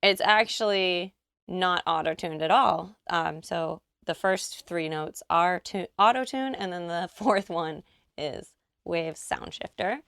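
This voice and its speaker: A woman walks through her track in a recording studio in a bubbly, casual way, full of slang and enthusiasm. Her voice sits a little low and comes across smooth and clean. The sound is dry and close, with no room echo. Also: takes it slowly, fairly bright tone. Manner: bubbly, chatty, gushing with slang. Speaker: vocal producer explaining her track.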